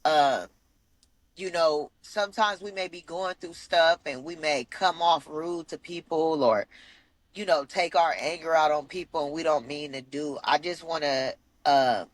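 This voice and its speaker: A woman's voice: low voice, unhurried, no echo. A woman co-hosting a podcast in casual chat, candid and venting, swearing freely. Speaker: podcast co-host.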